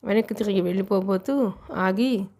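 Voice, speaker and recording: A woman's voice: mid-range voice, moderate pace, mellow. A woman narrating a novel as an audiobook reader, telling the story steadily.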